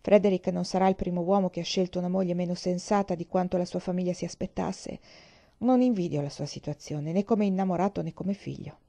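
A woman reading an audiobook voices a courteous young gentleman in her own measured, polite manner. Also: lowish voice, fairly even intonation, vocal fry. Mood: calm.

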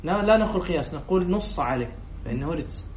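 A man with a fairly high, darkish voice speaks fast and expressively while teaching a class as a sheikh. He reads lines from a text, explains them, quizzes his students, and repeats their answers back. The recording comes from an echoey room through a distant, dull mic with faint noise.

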